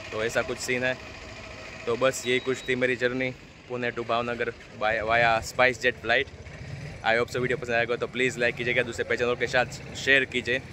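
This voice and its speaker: Filming on a phone held at arm's length, a travel vlogger in his thirties talks in a mid-range voice, casually and informally guiding the viewer through his flight and the airport. The narration moves from inside a small plane to outdoors at the airport, with plenty of engine and outdoor noise.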